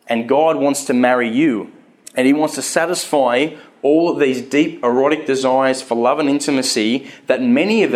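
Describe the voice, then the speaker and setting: A man in his thirties with a mid-range voice gives a candid, earnest personal talk about faith to a live audience. He stutters, often restarting his words.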